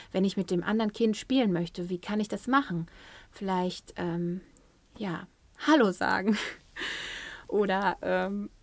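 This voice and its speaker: A woman talks through parenting advice in a lively way, slipping into the voices of parents and children. Her voice sits at a middling pitch. The recording is close and dry. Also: no room sound. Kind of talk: advice talk.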